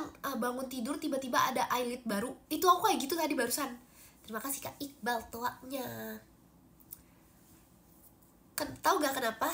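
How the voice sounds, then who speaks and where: A woman's voice: high-pitched, creaky, a little hiss or hum. A young woman from Indonesia, stuffy from a cold, chatting animatedly on a phone livestream and thanking viewers for gifts. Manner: chatty and animated, frequent fillers. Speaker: idol livestreamer.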